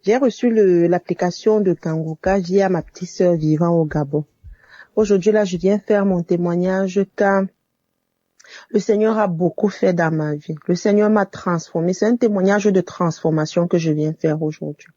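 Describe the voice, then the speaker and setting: A woman from Cameroon delivers a fervent religious testimony, circling back to repeat her thanks. Her voice sits mellow and dark. The recording is dry and a little muffled, like a phone voice note. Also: fairly low pitch, moderate pace, dry recording. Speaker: caller giving a testimony.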